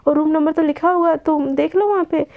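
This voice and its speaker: A woman's voice: high-pitched, steady tone, fairly quick, creaky. A woman voicing an offhand, impatient young woman. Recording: dull lo-fi recording.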